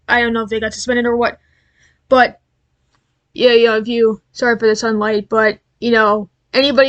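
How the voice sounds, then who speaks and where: Rambling woman vlogger, high dry voice. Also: a bit bright, no echo, low-quality recording. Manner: rambling, full of fillers and restarts. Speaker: YouTuber ranting about channels. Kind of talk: casual unscripted rant.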